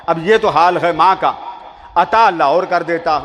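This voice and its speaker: A man delivers a sermon, telling the story straight to a seated crowd. His voice sits high. A long reverb trails after his words in a big hall. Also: fairly bright tone. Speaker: preacher. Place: large hall with a seated audience.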